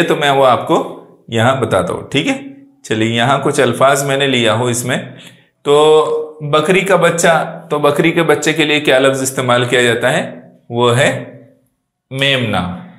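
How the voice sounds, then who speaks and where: A man's voice: medium pitch, fairly bright tone. A male teacher giving an exam-prep vocabulary lesson, asking each question and then repeating the answer. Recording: echoey room.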